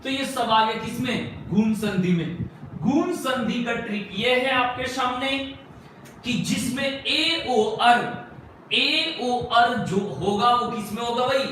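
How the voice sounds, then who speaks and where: A man's voice: extremely high pitch, slow pace, pushed and bright, a little hiss or hum. A man teaching Hindi grammar as a classroom lecture. He keeps asking questions and answering them himself, and he stretches out single sounds as he spells words. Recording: echoey room, far from the mic.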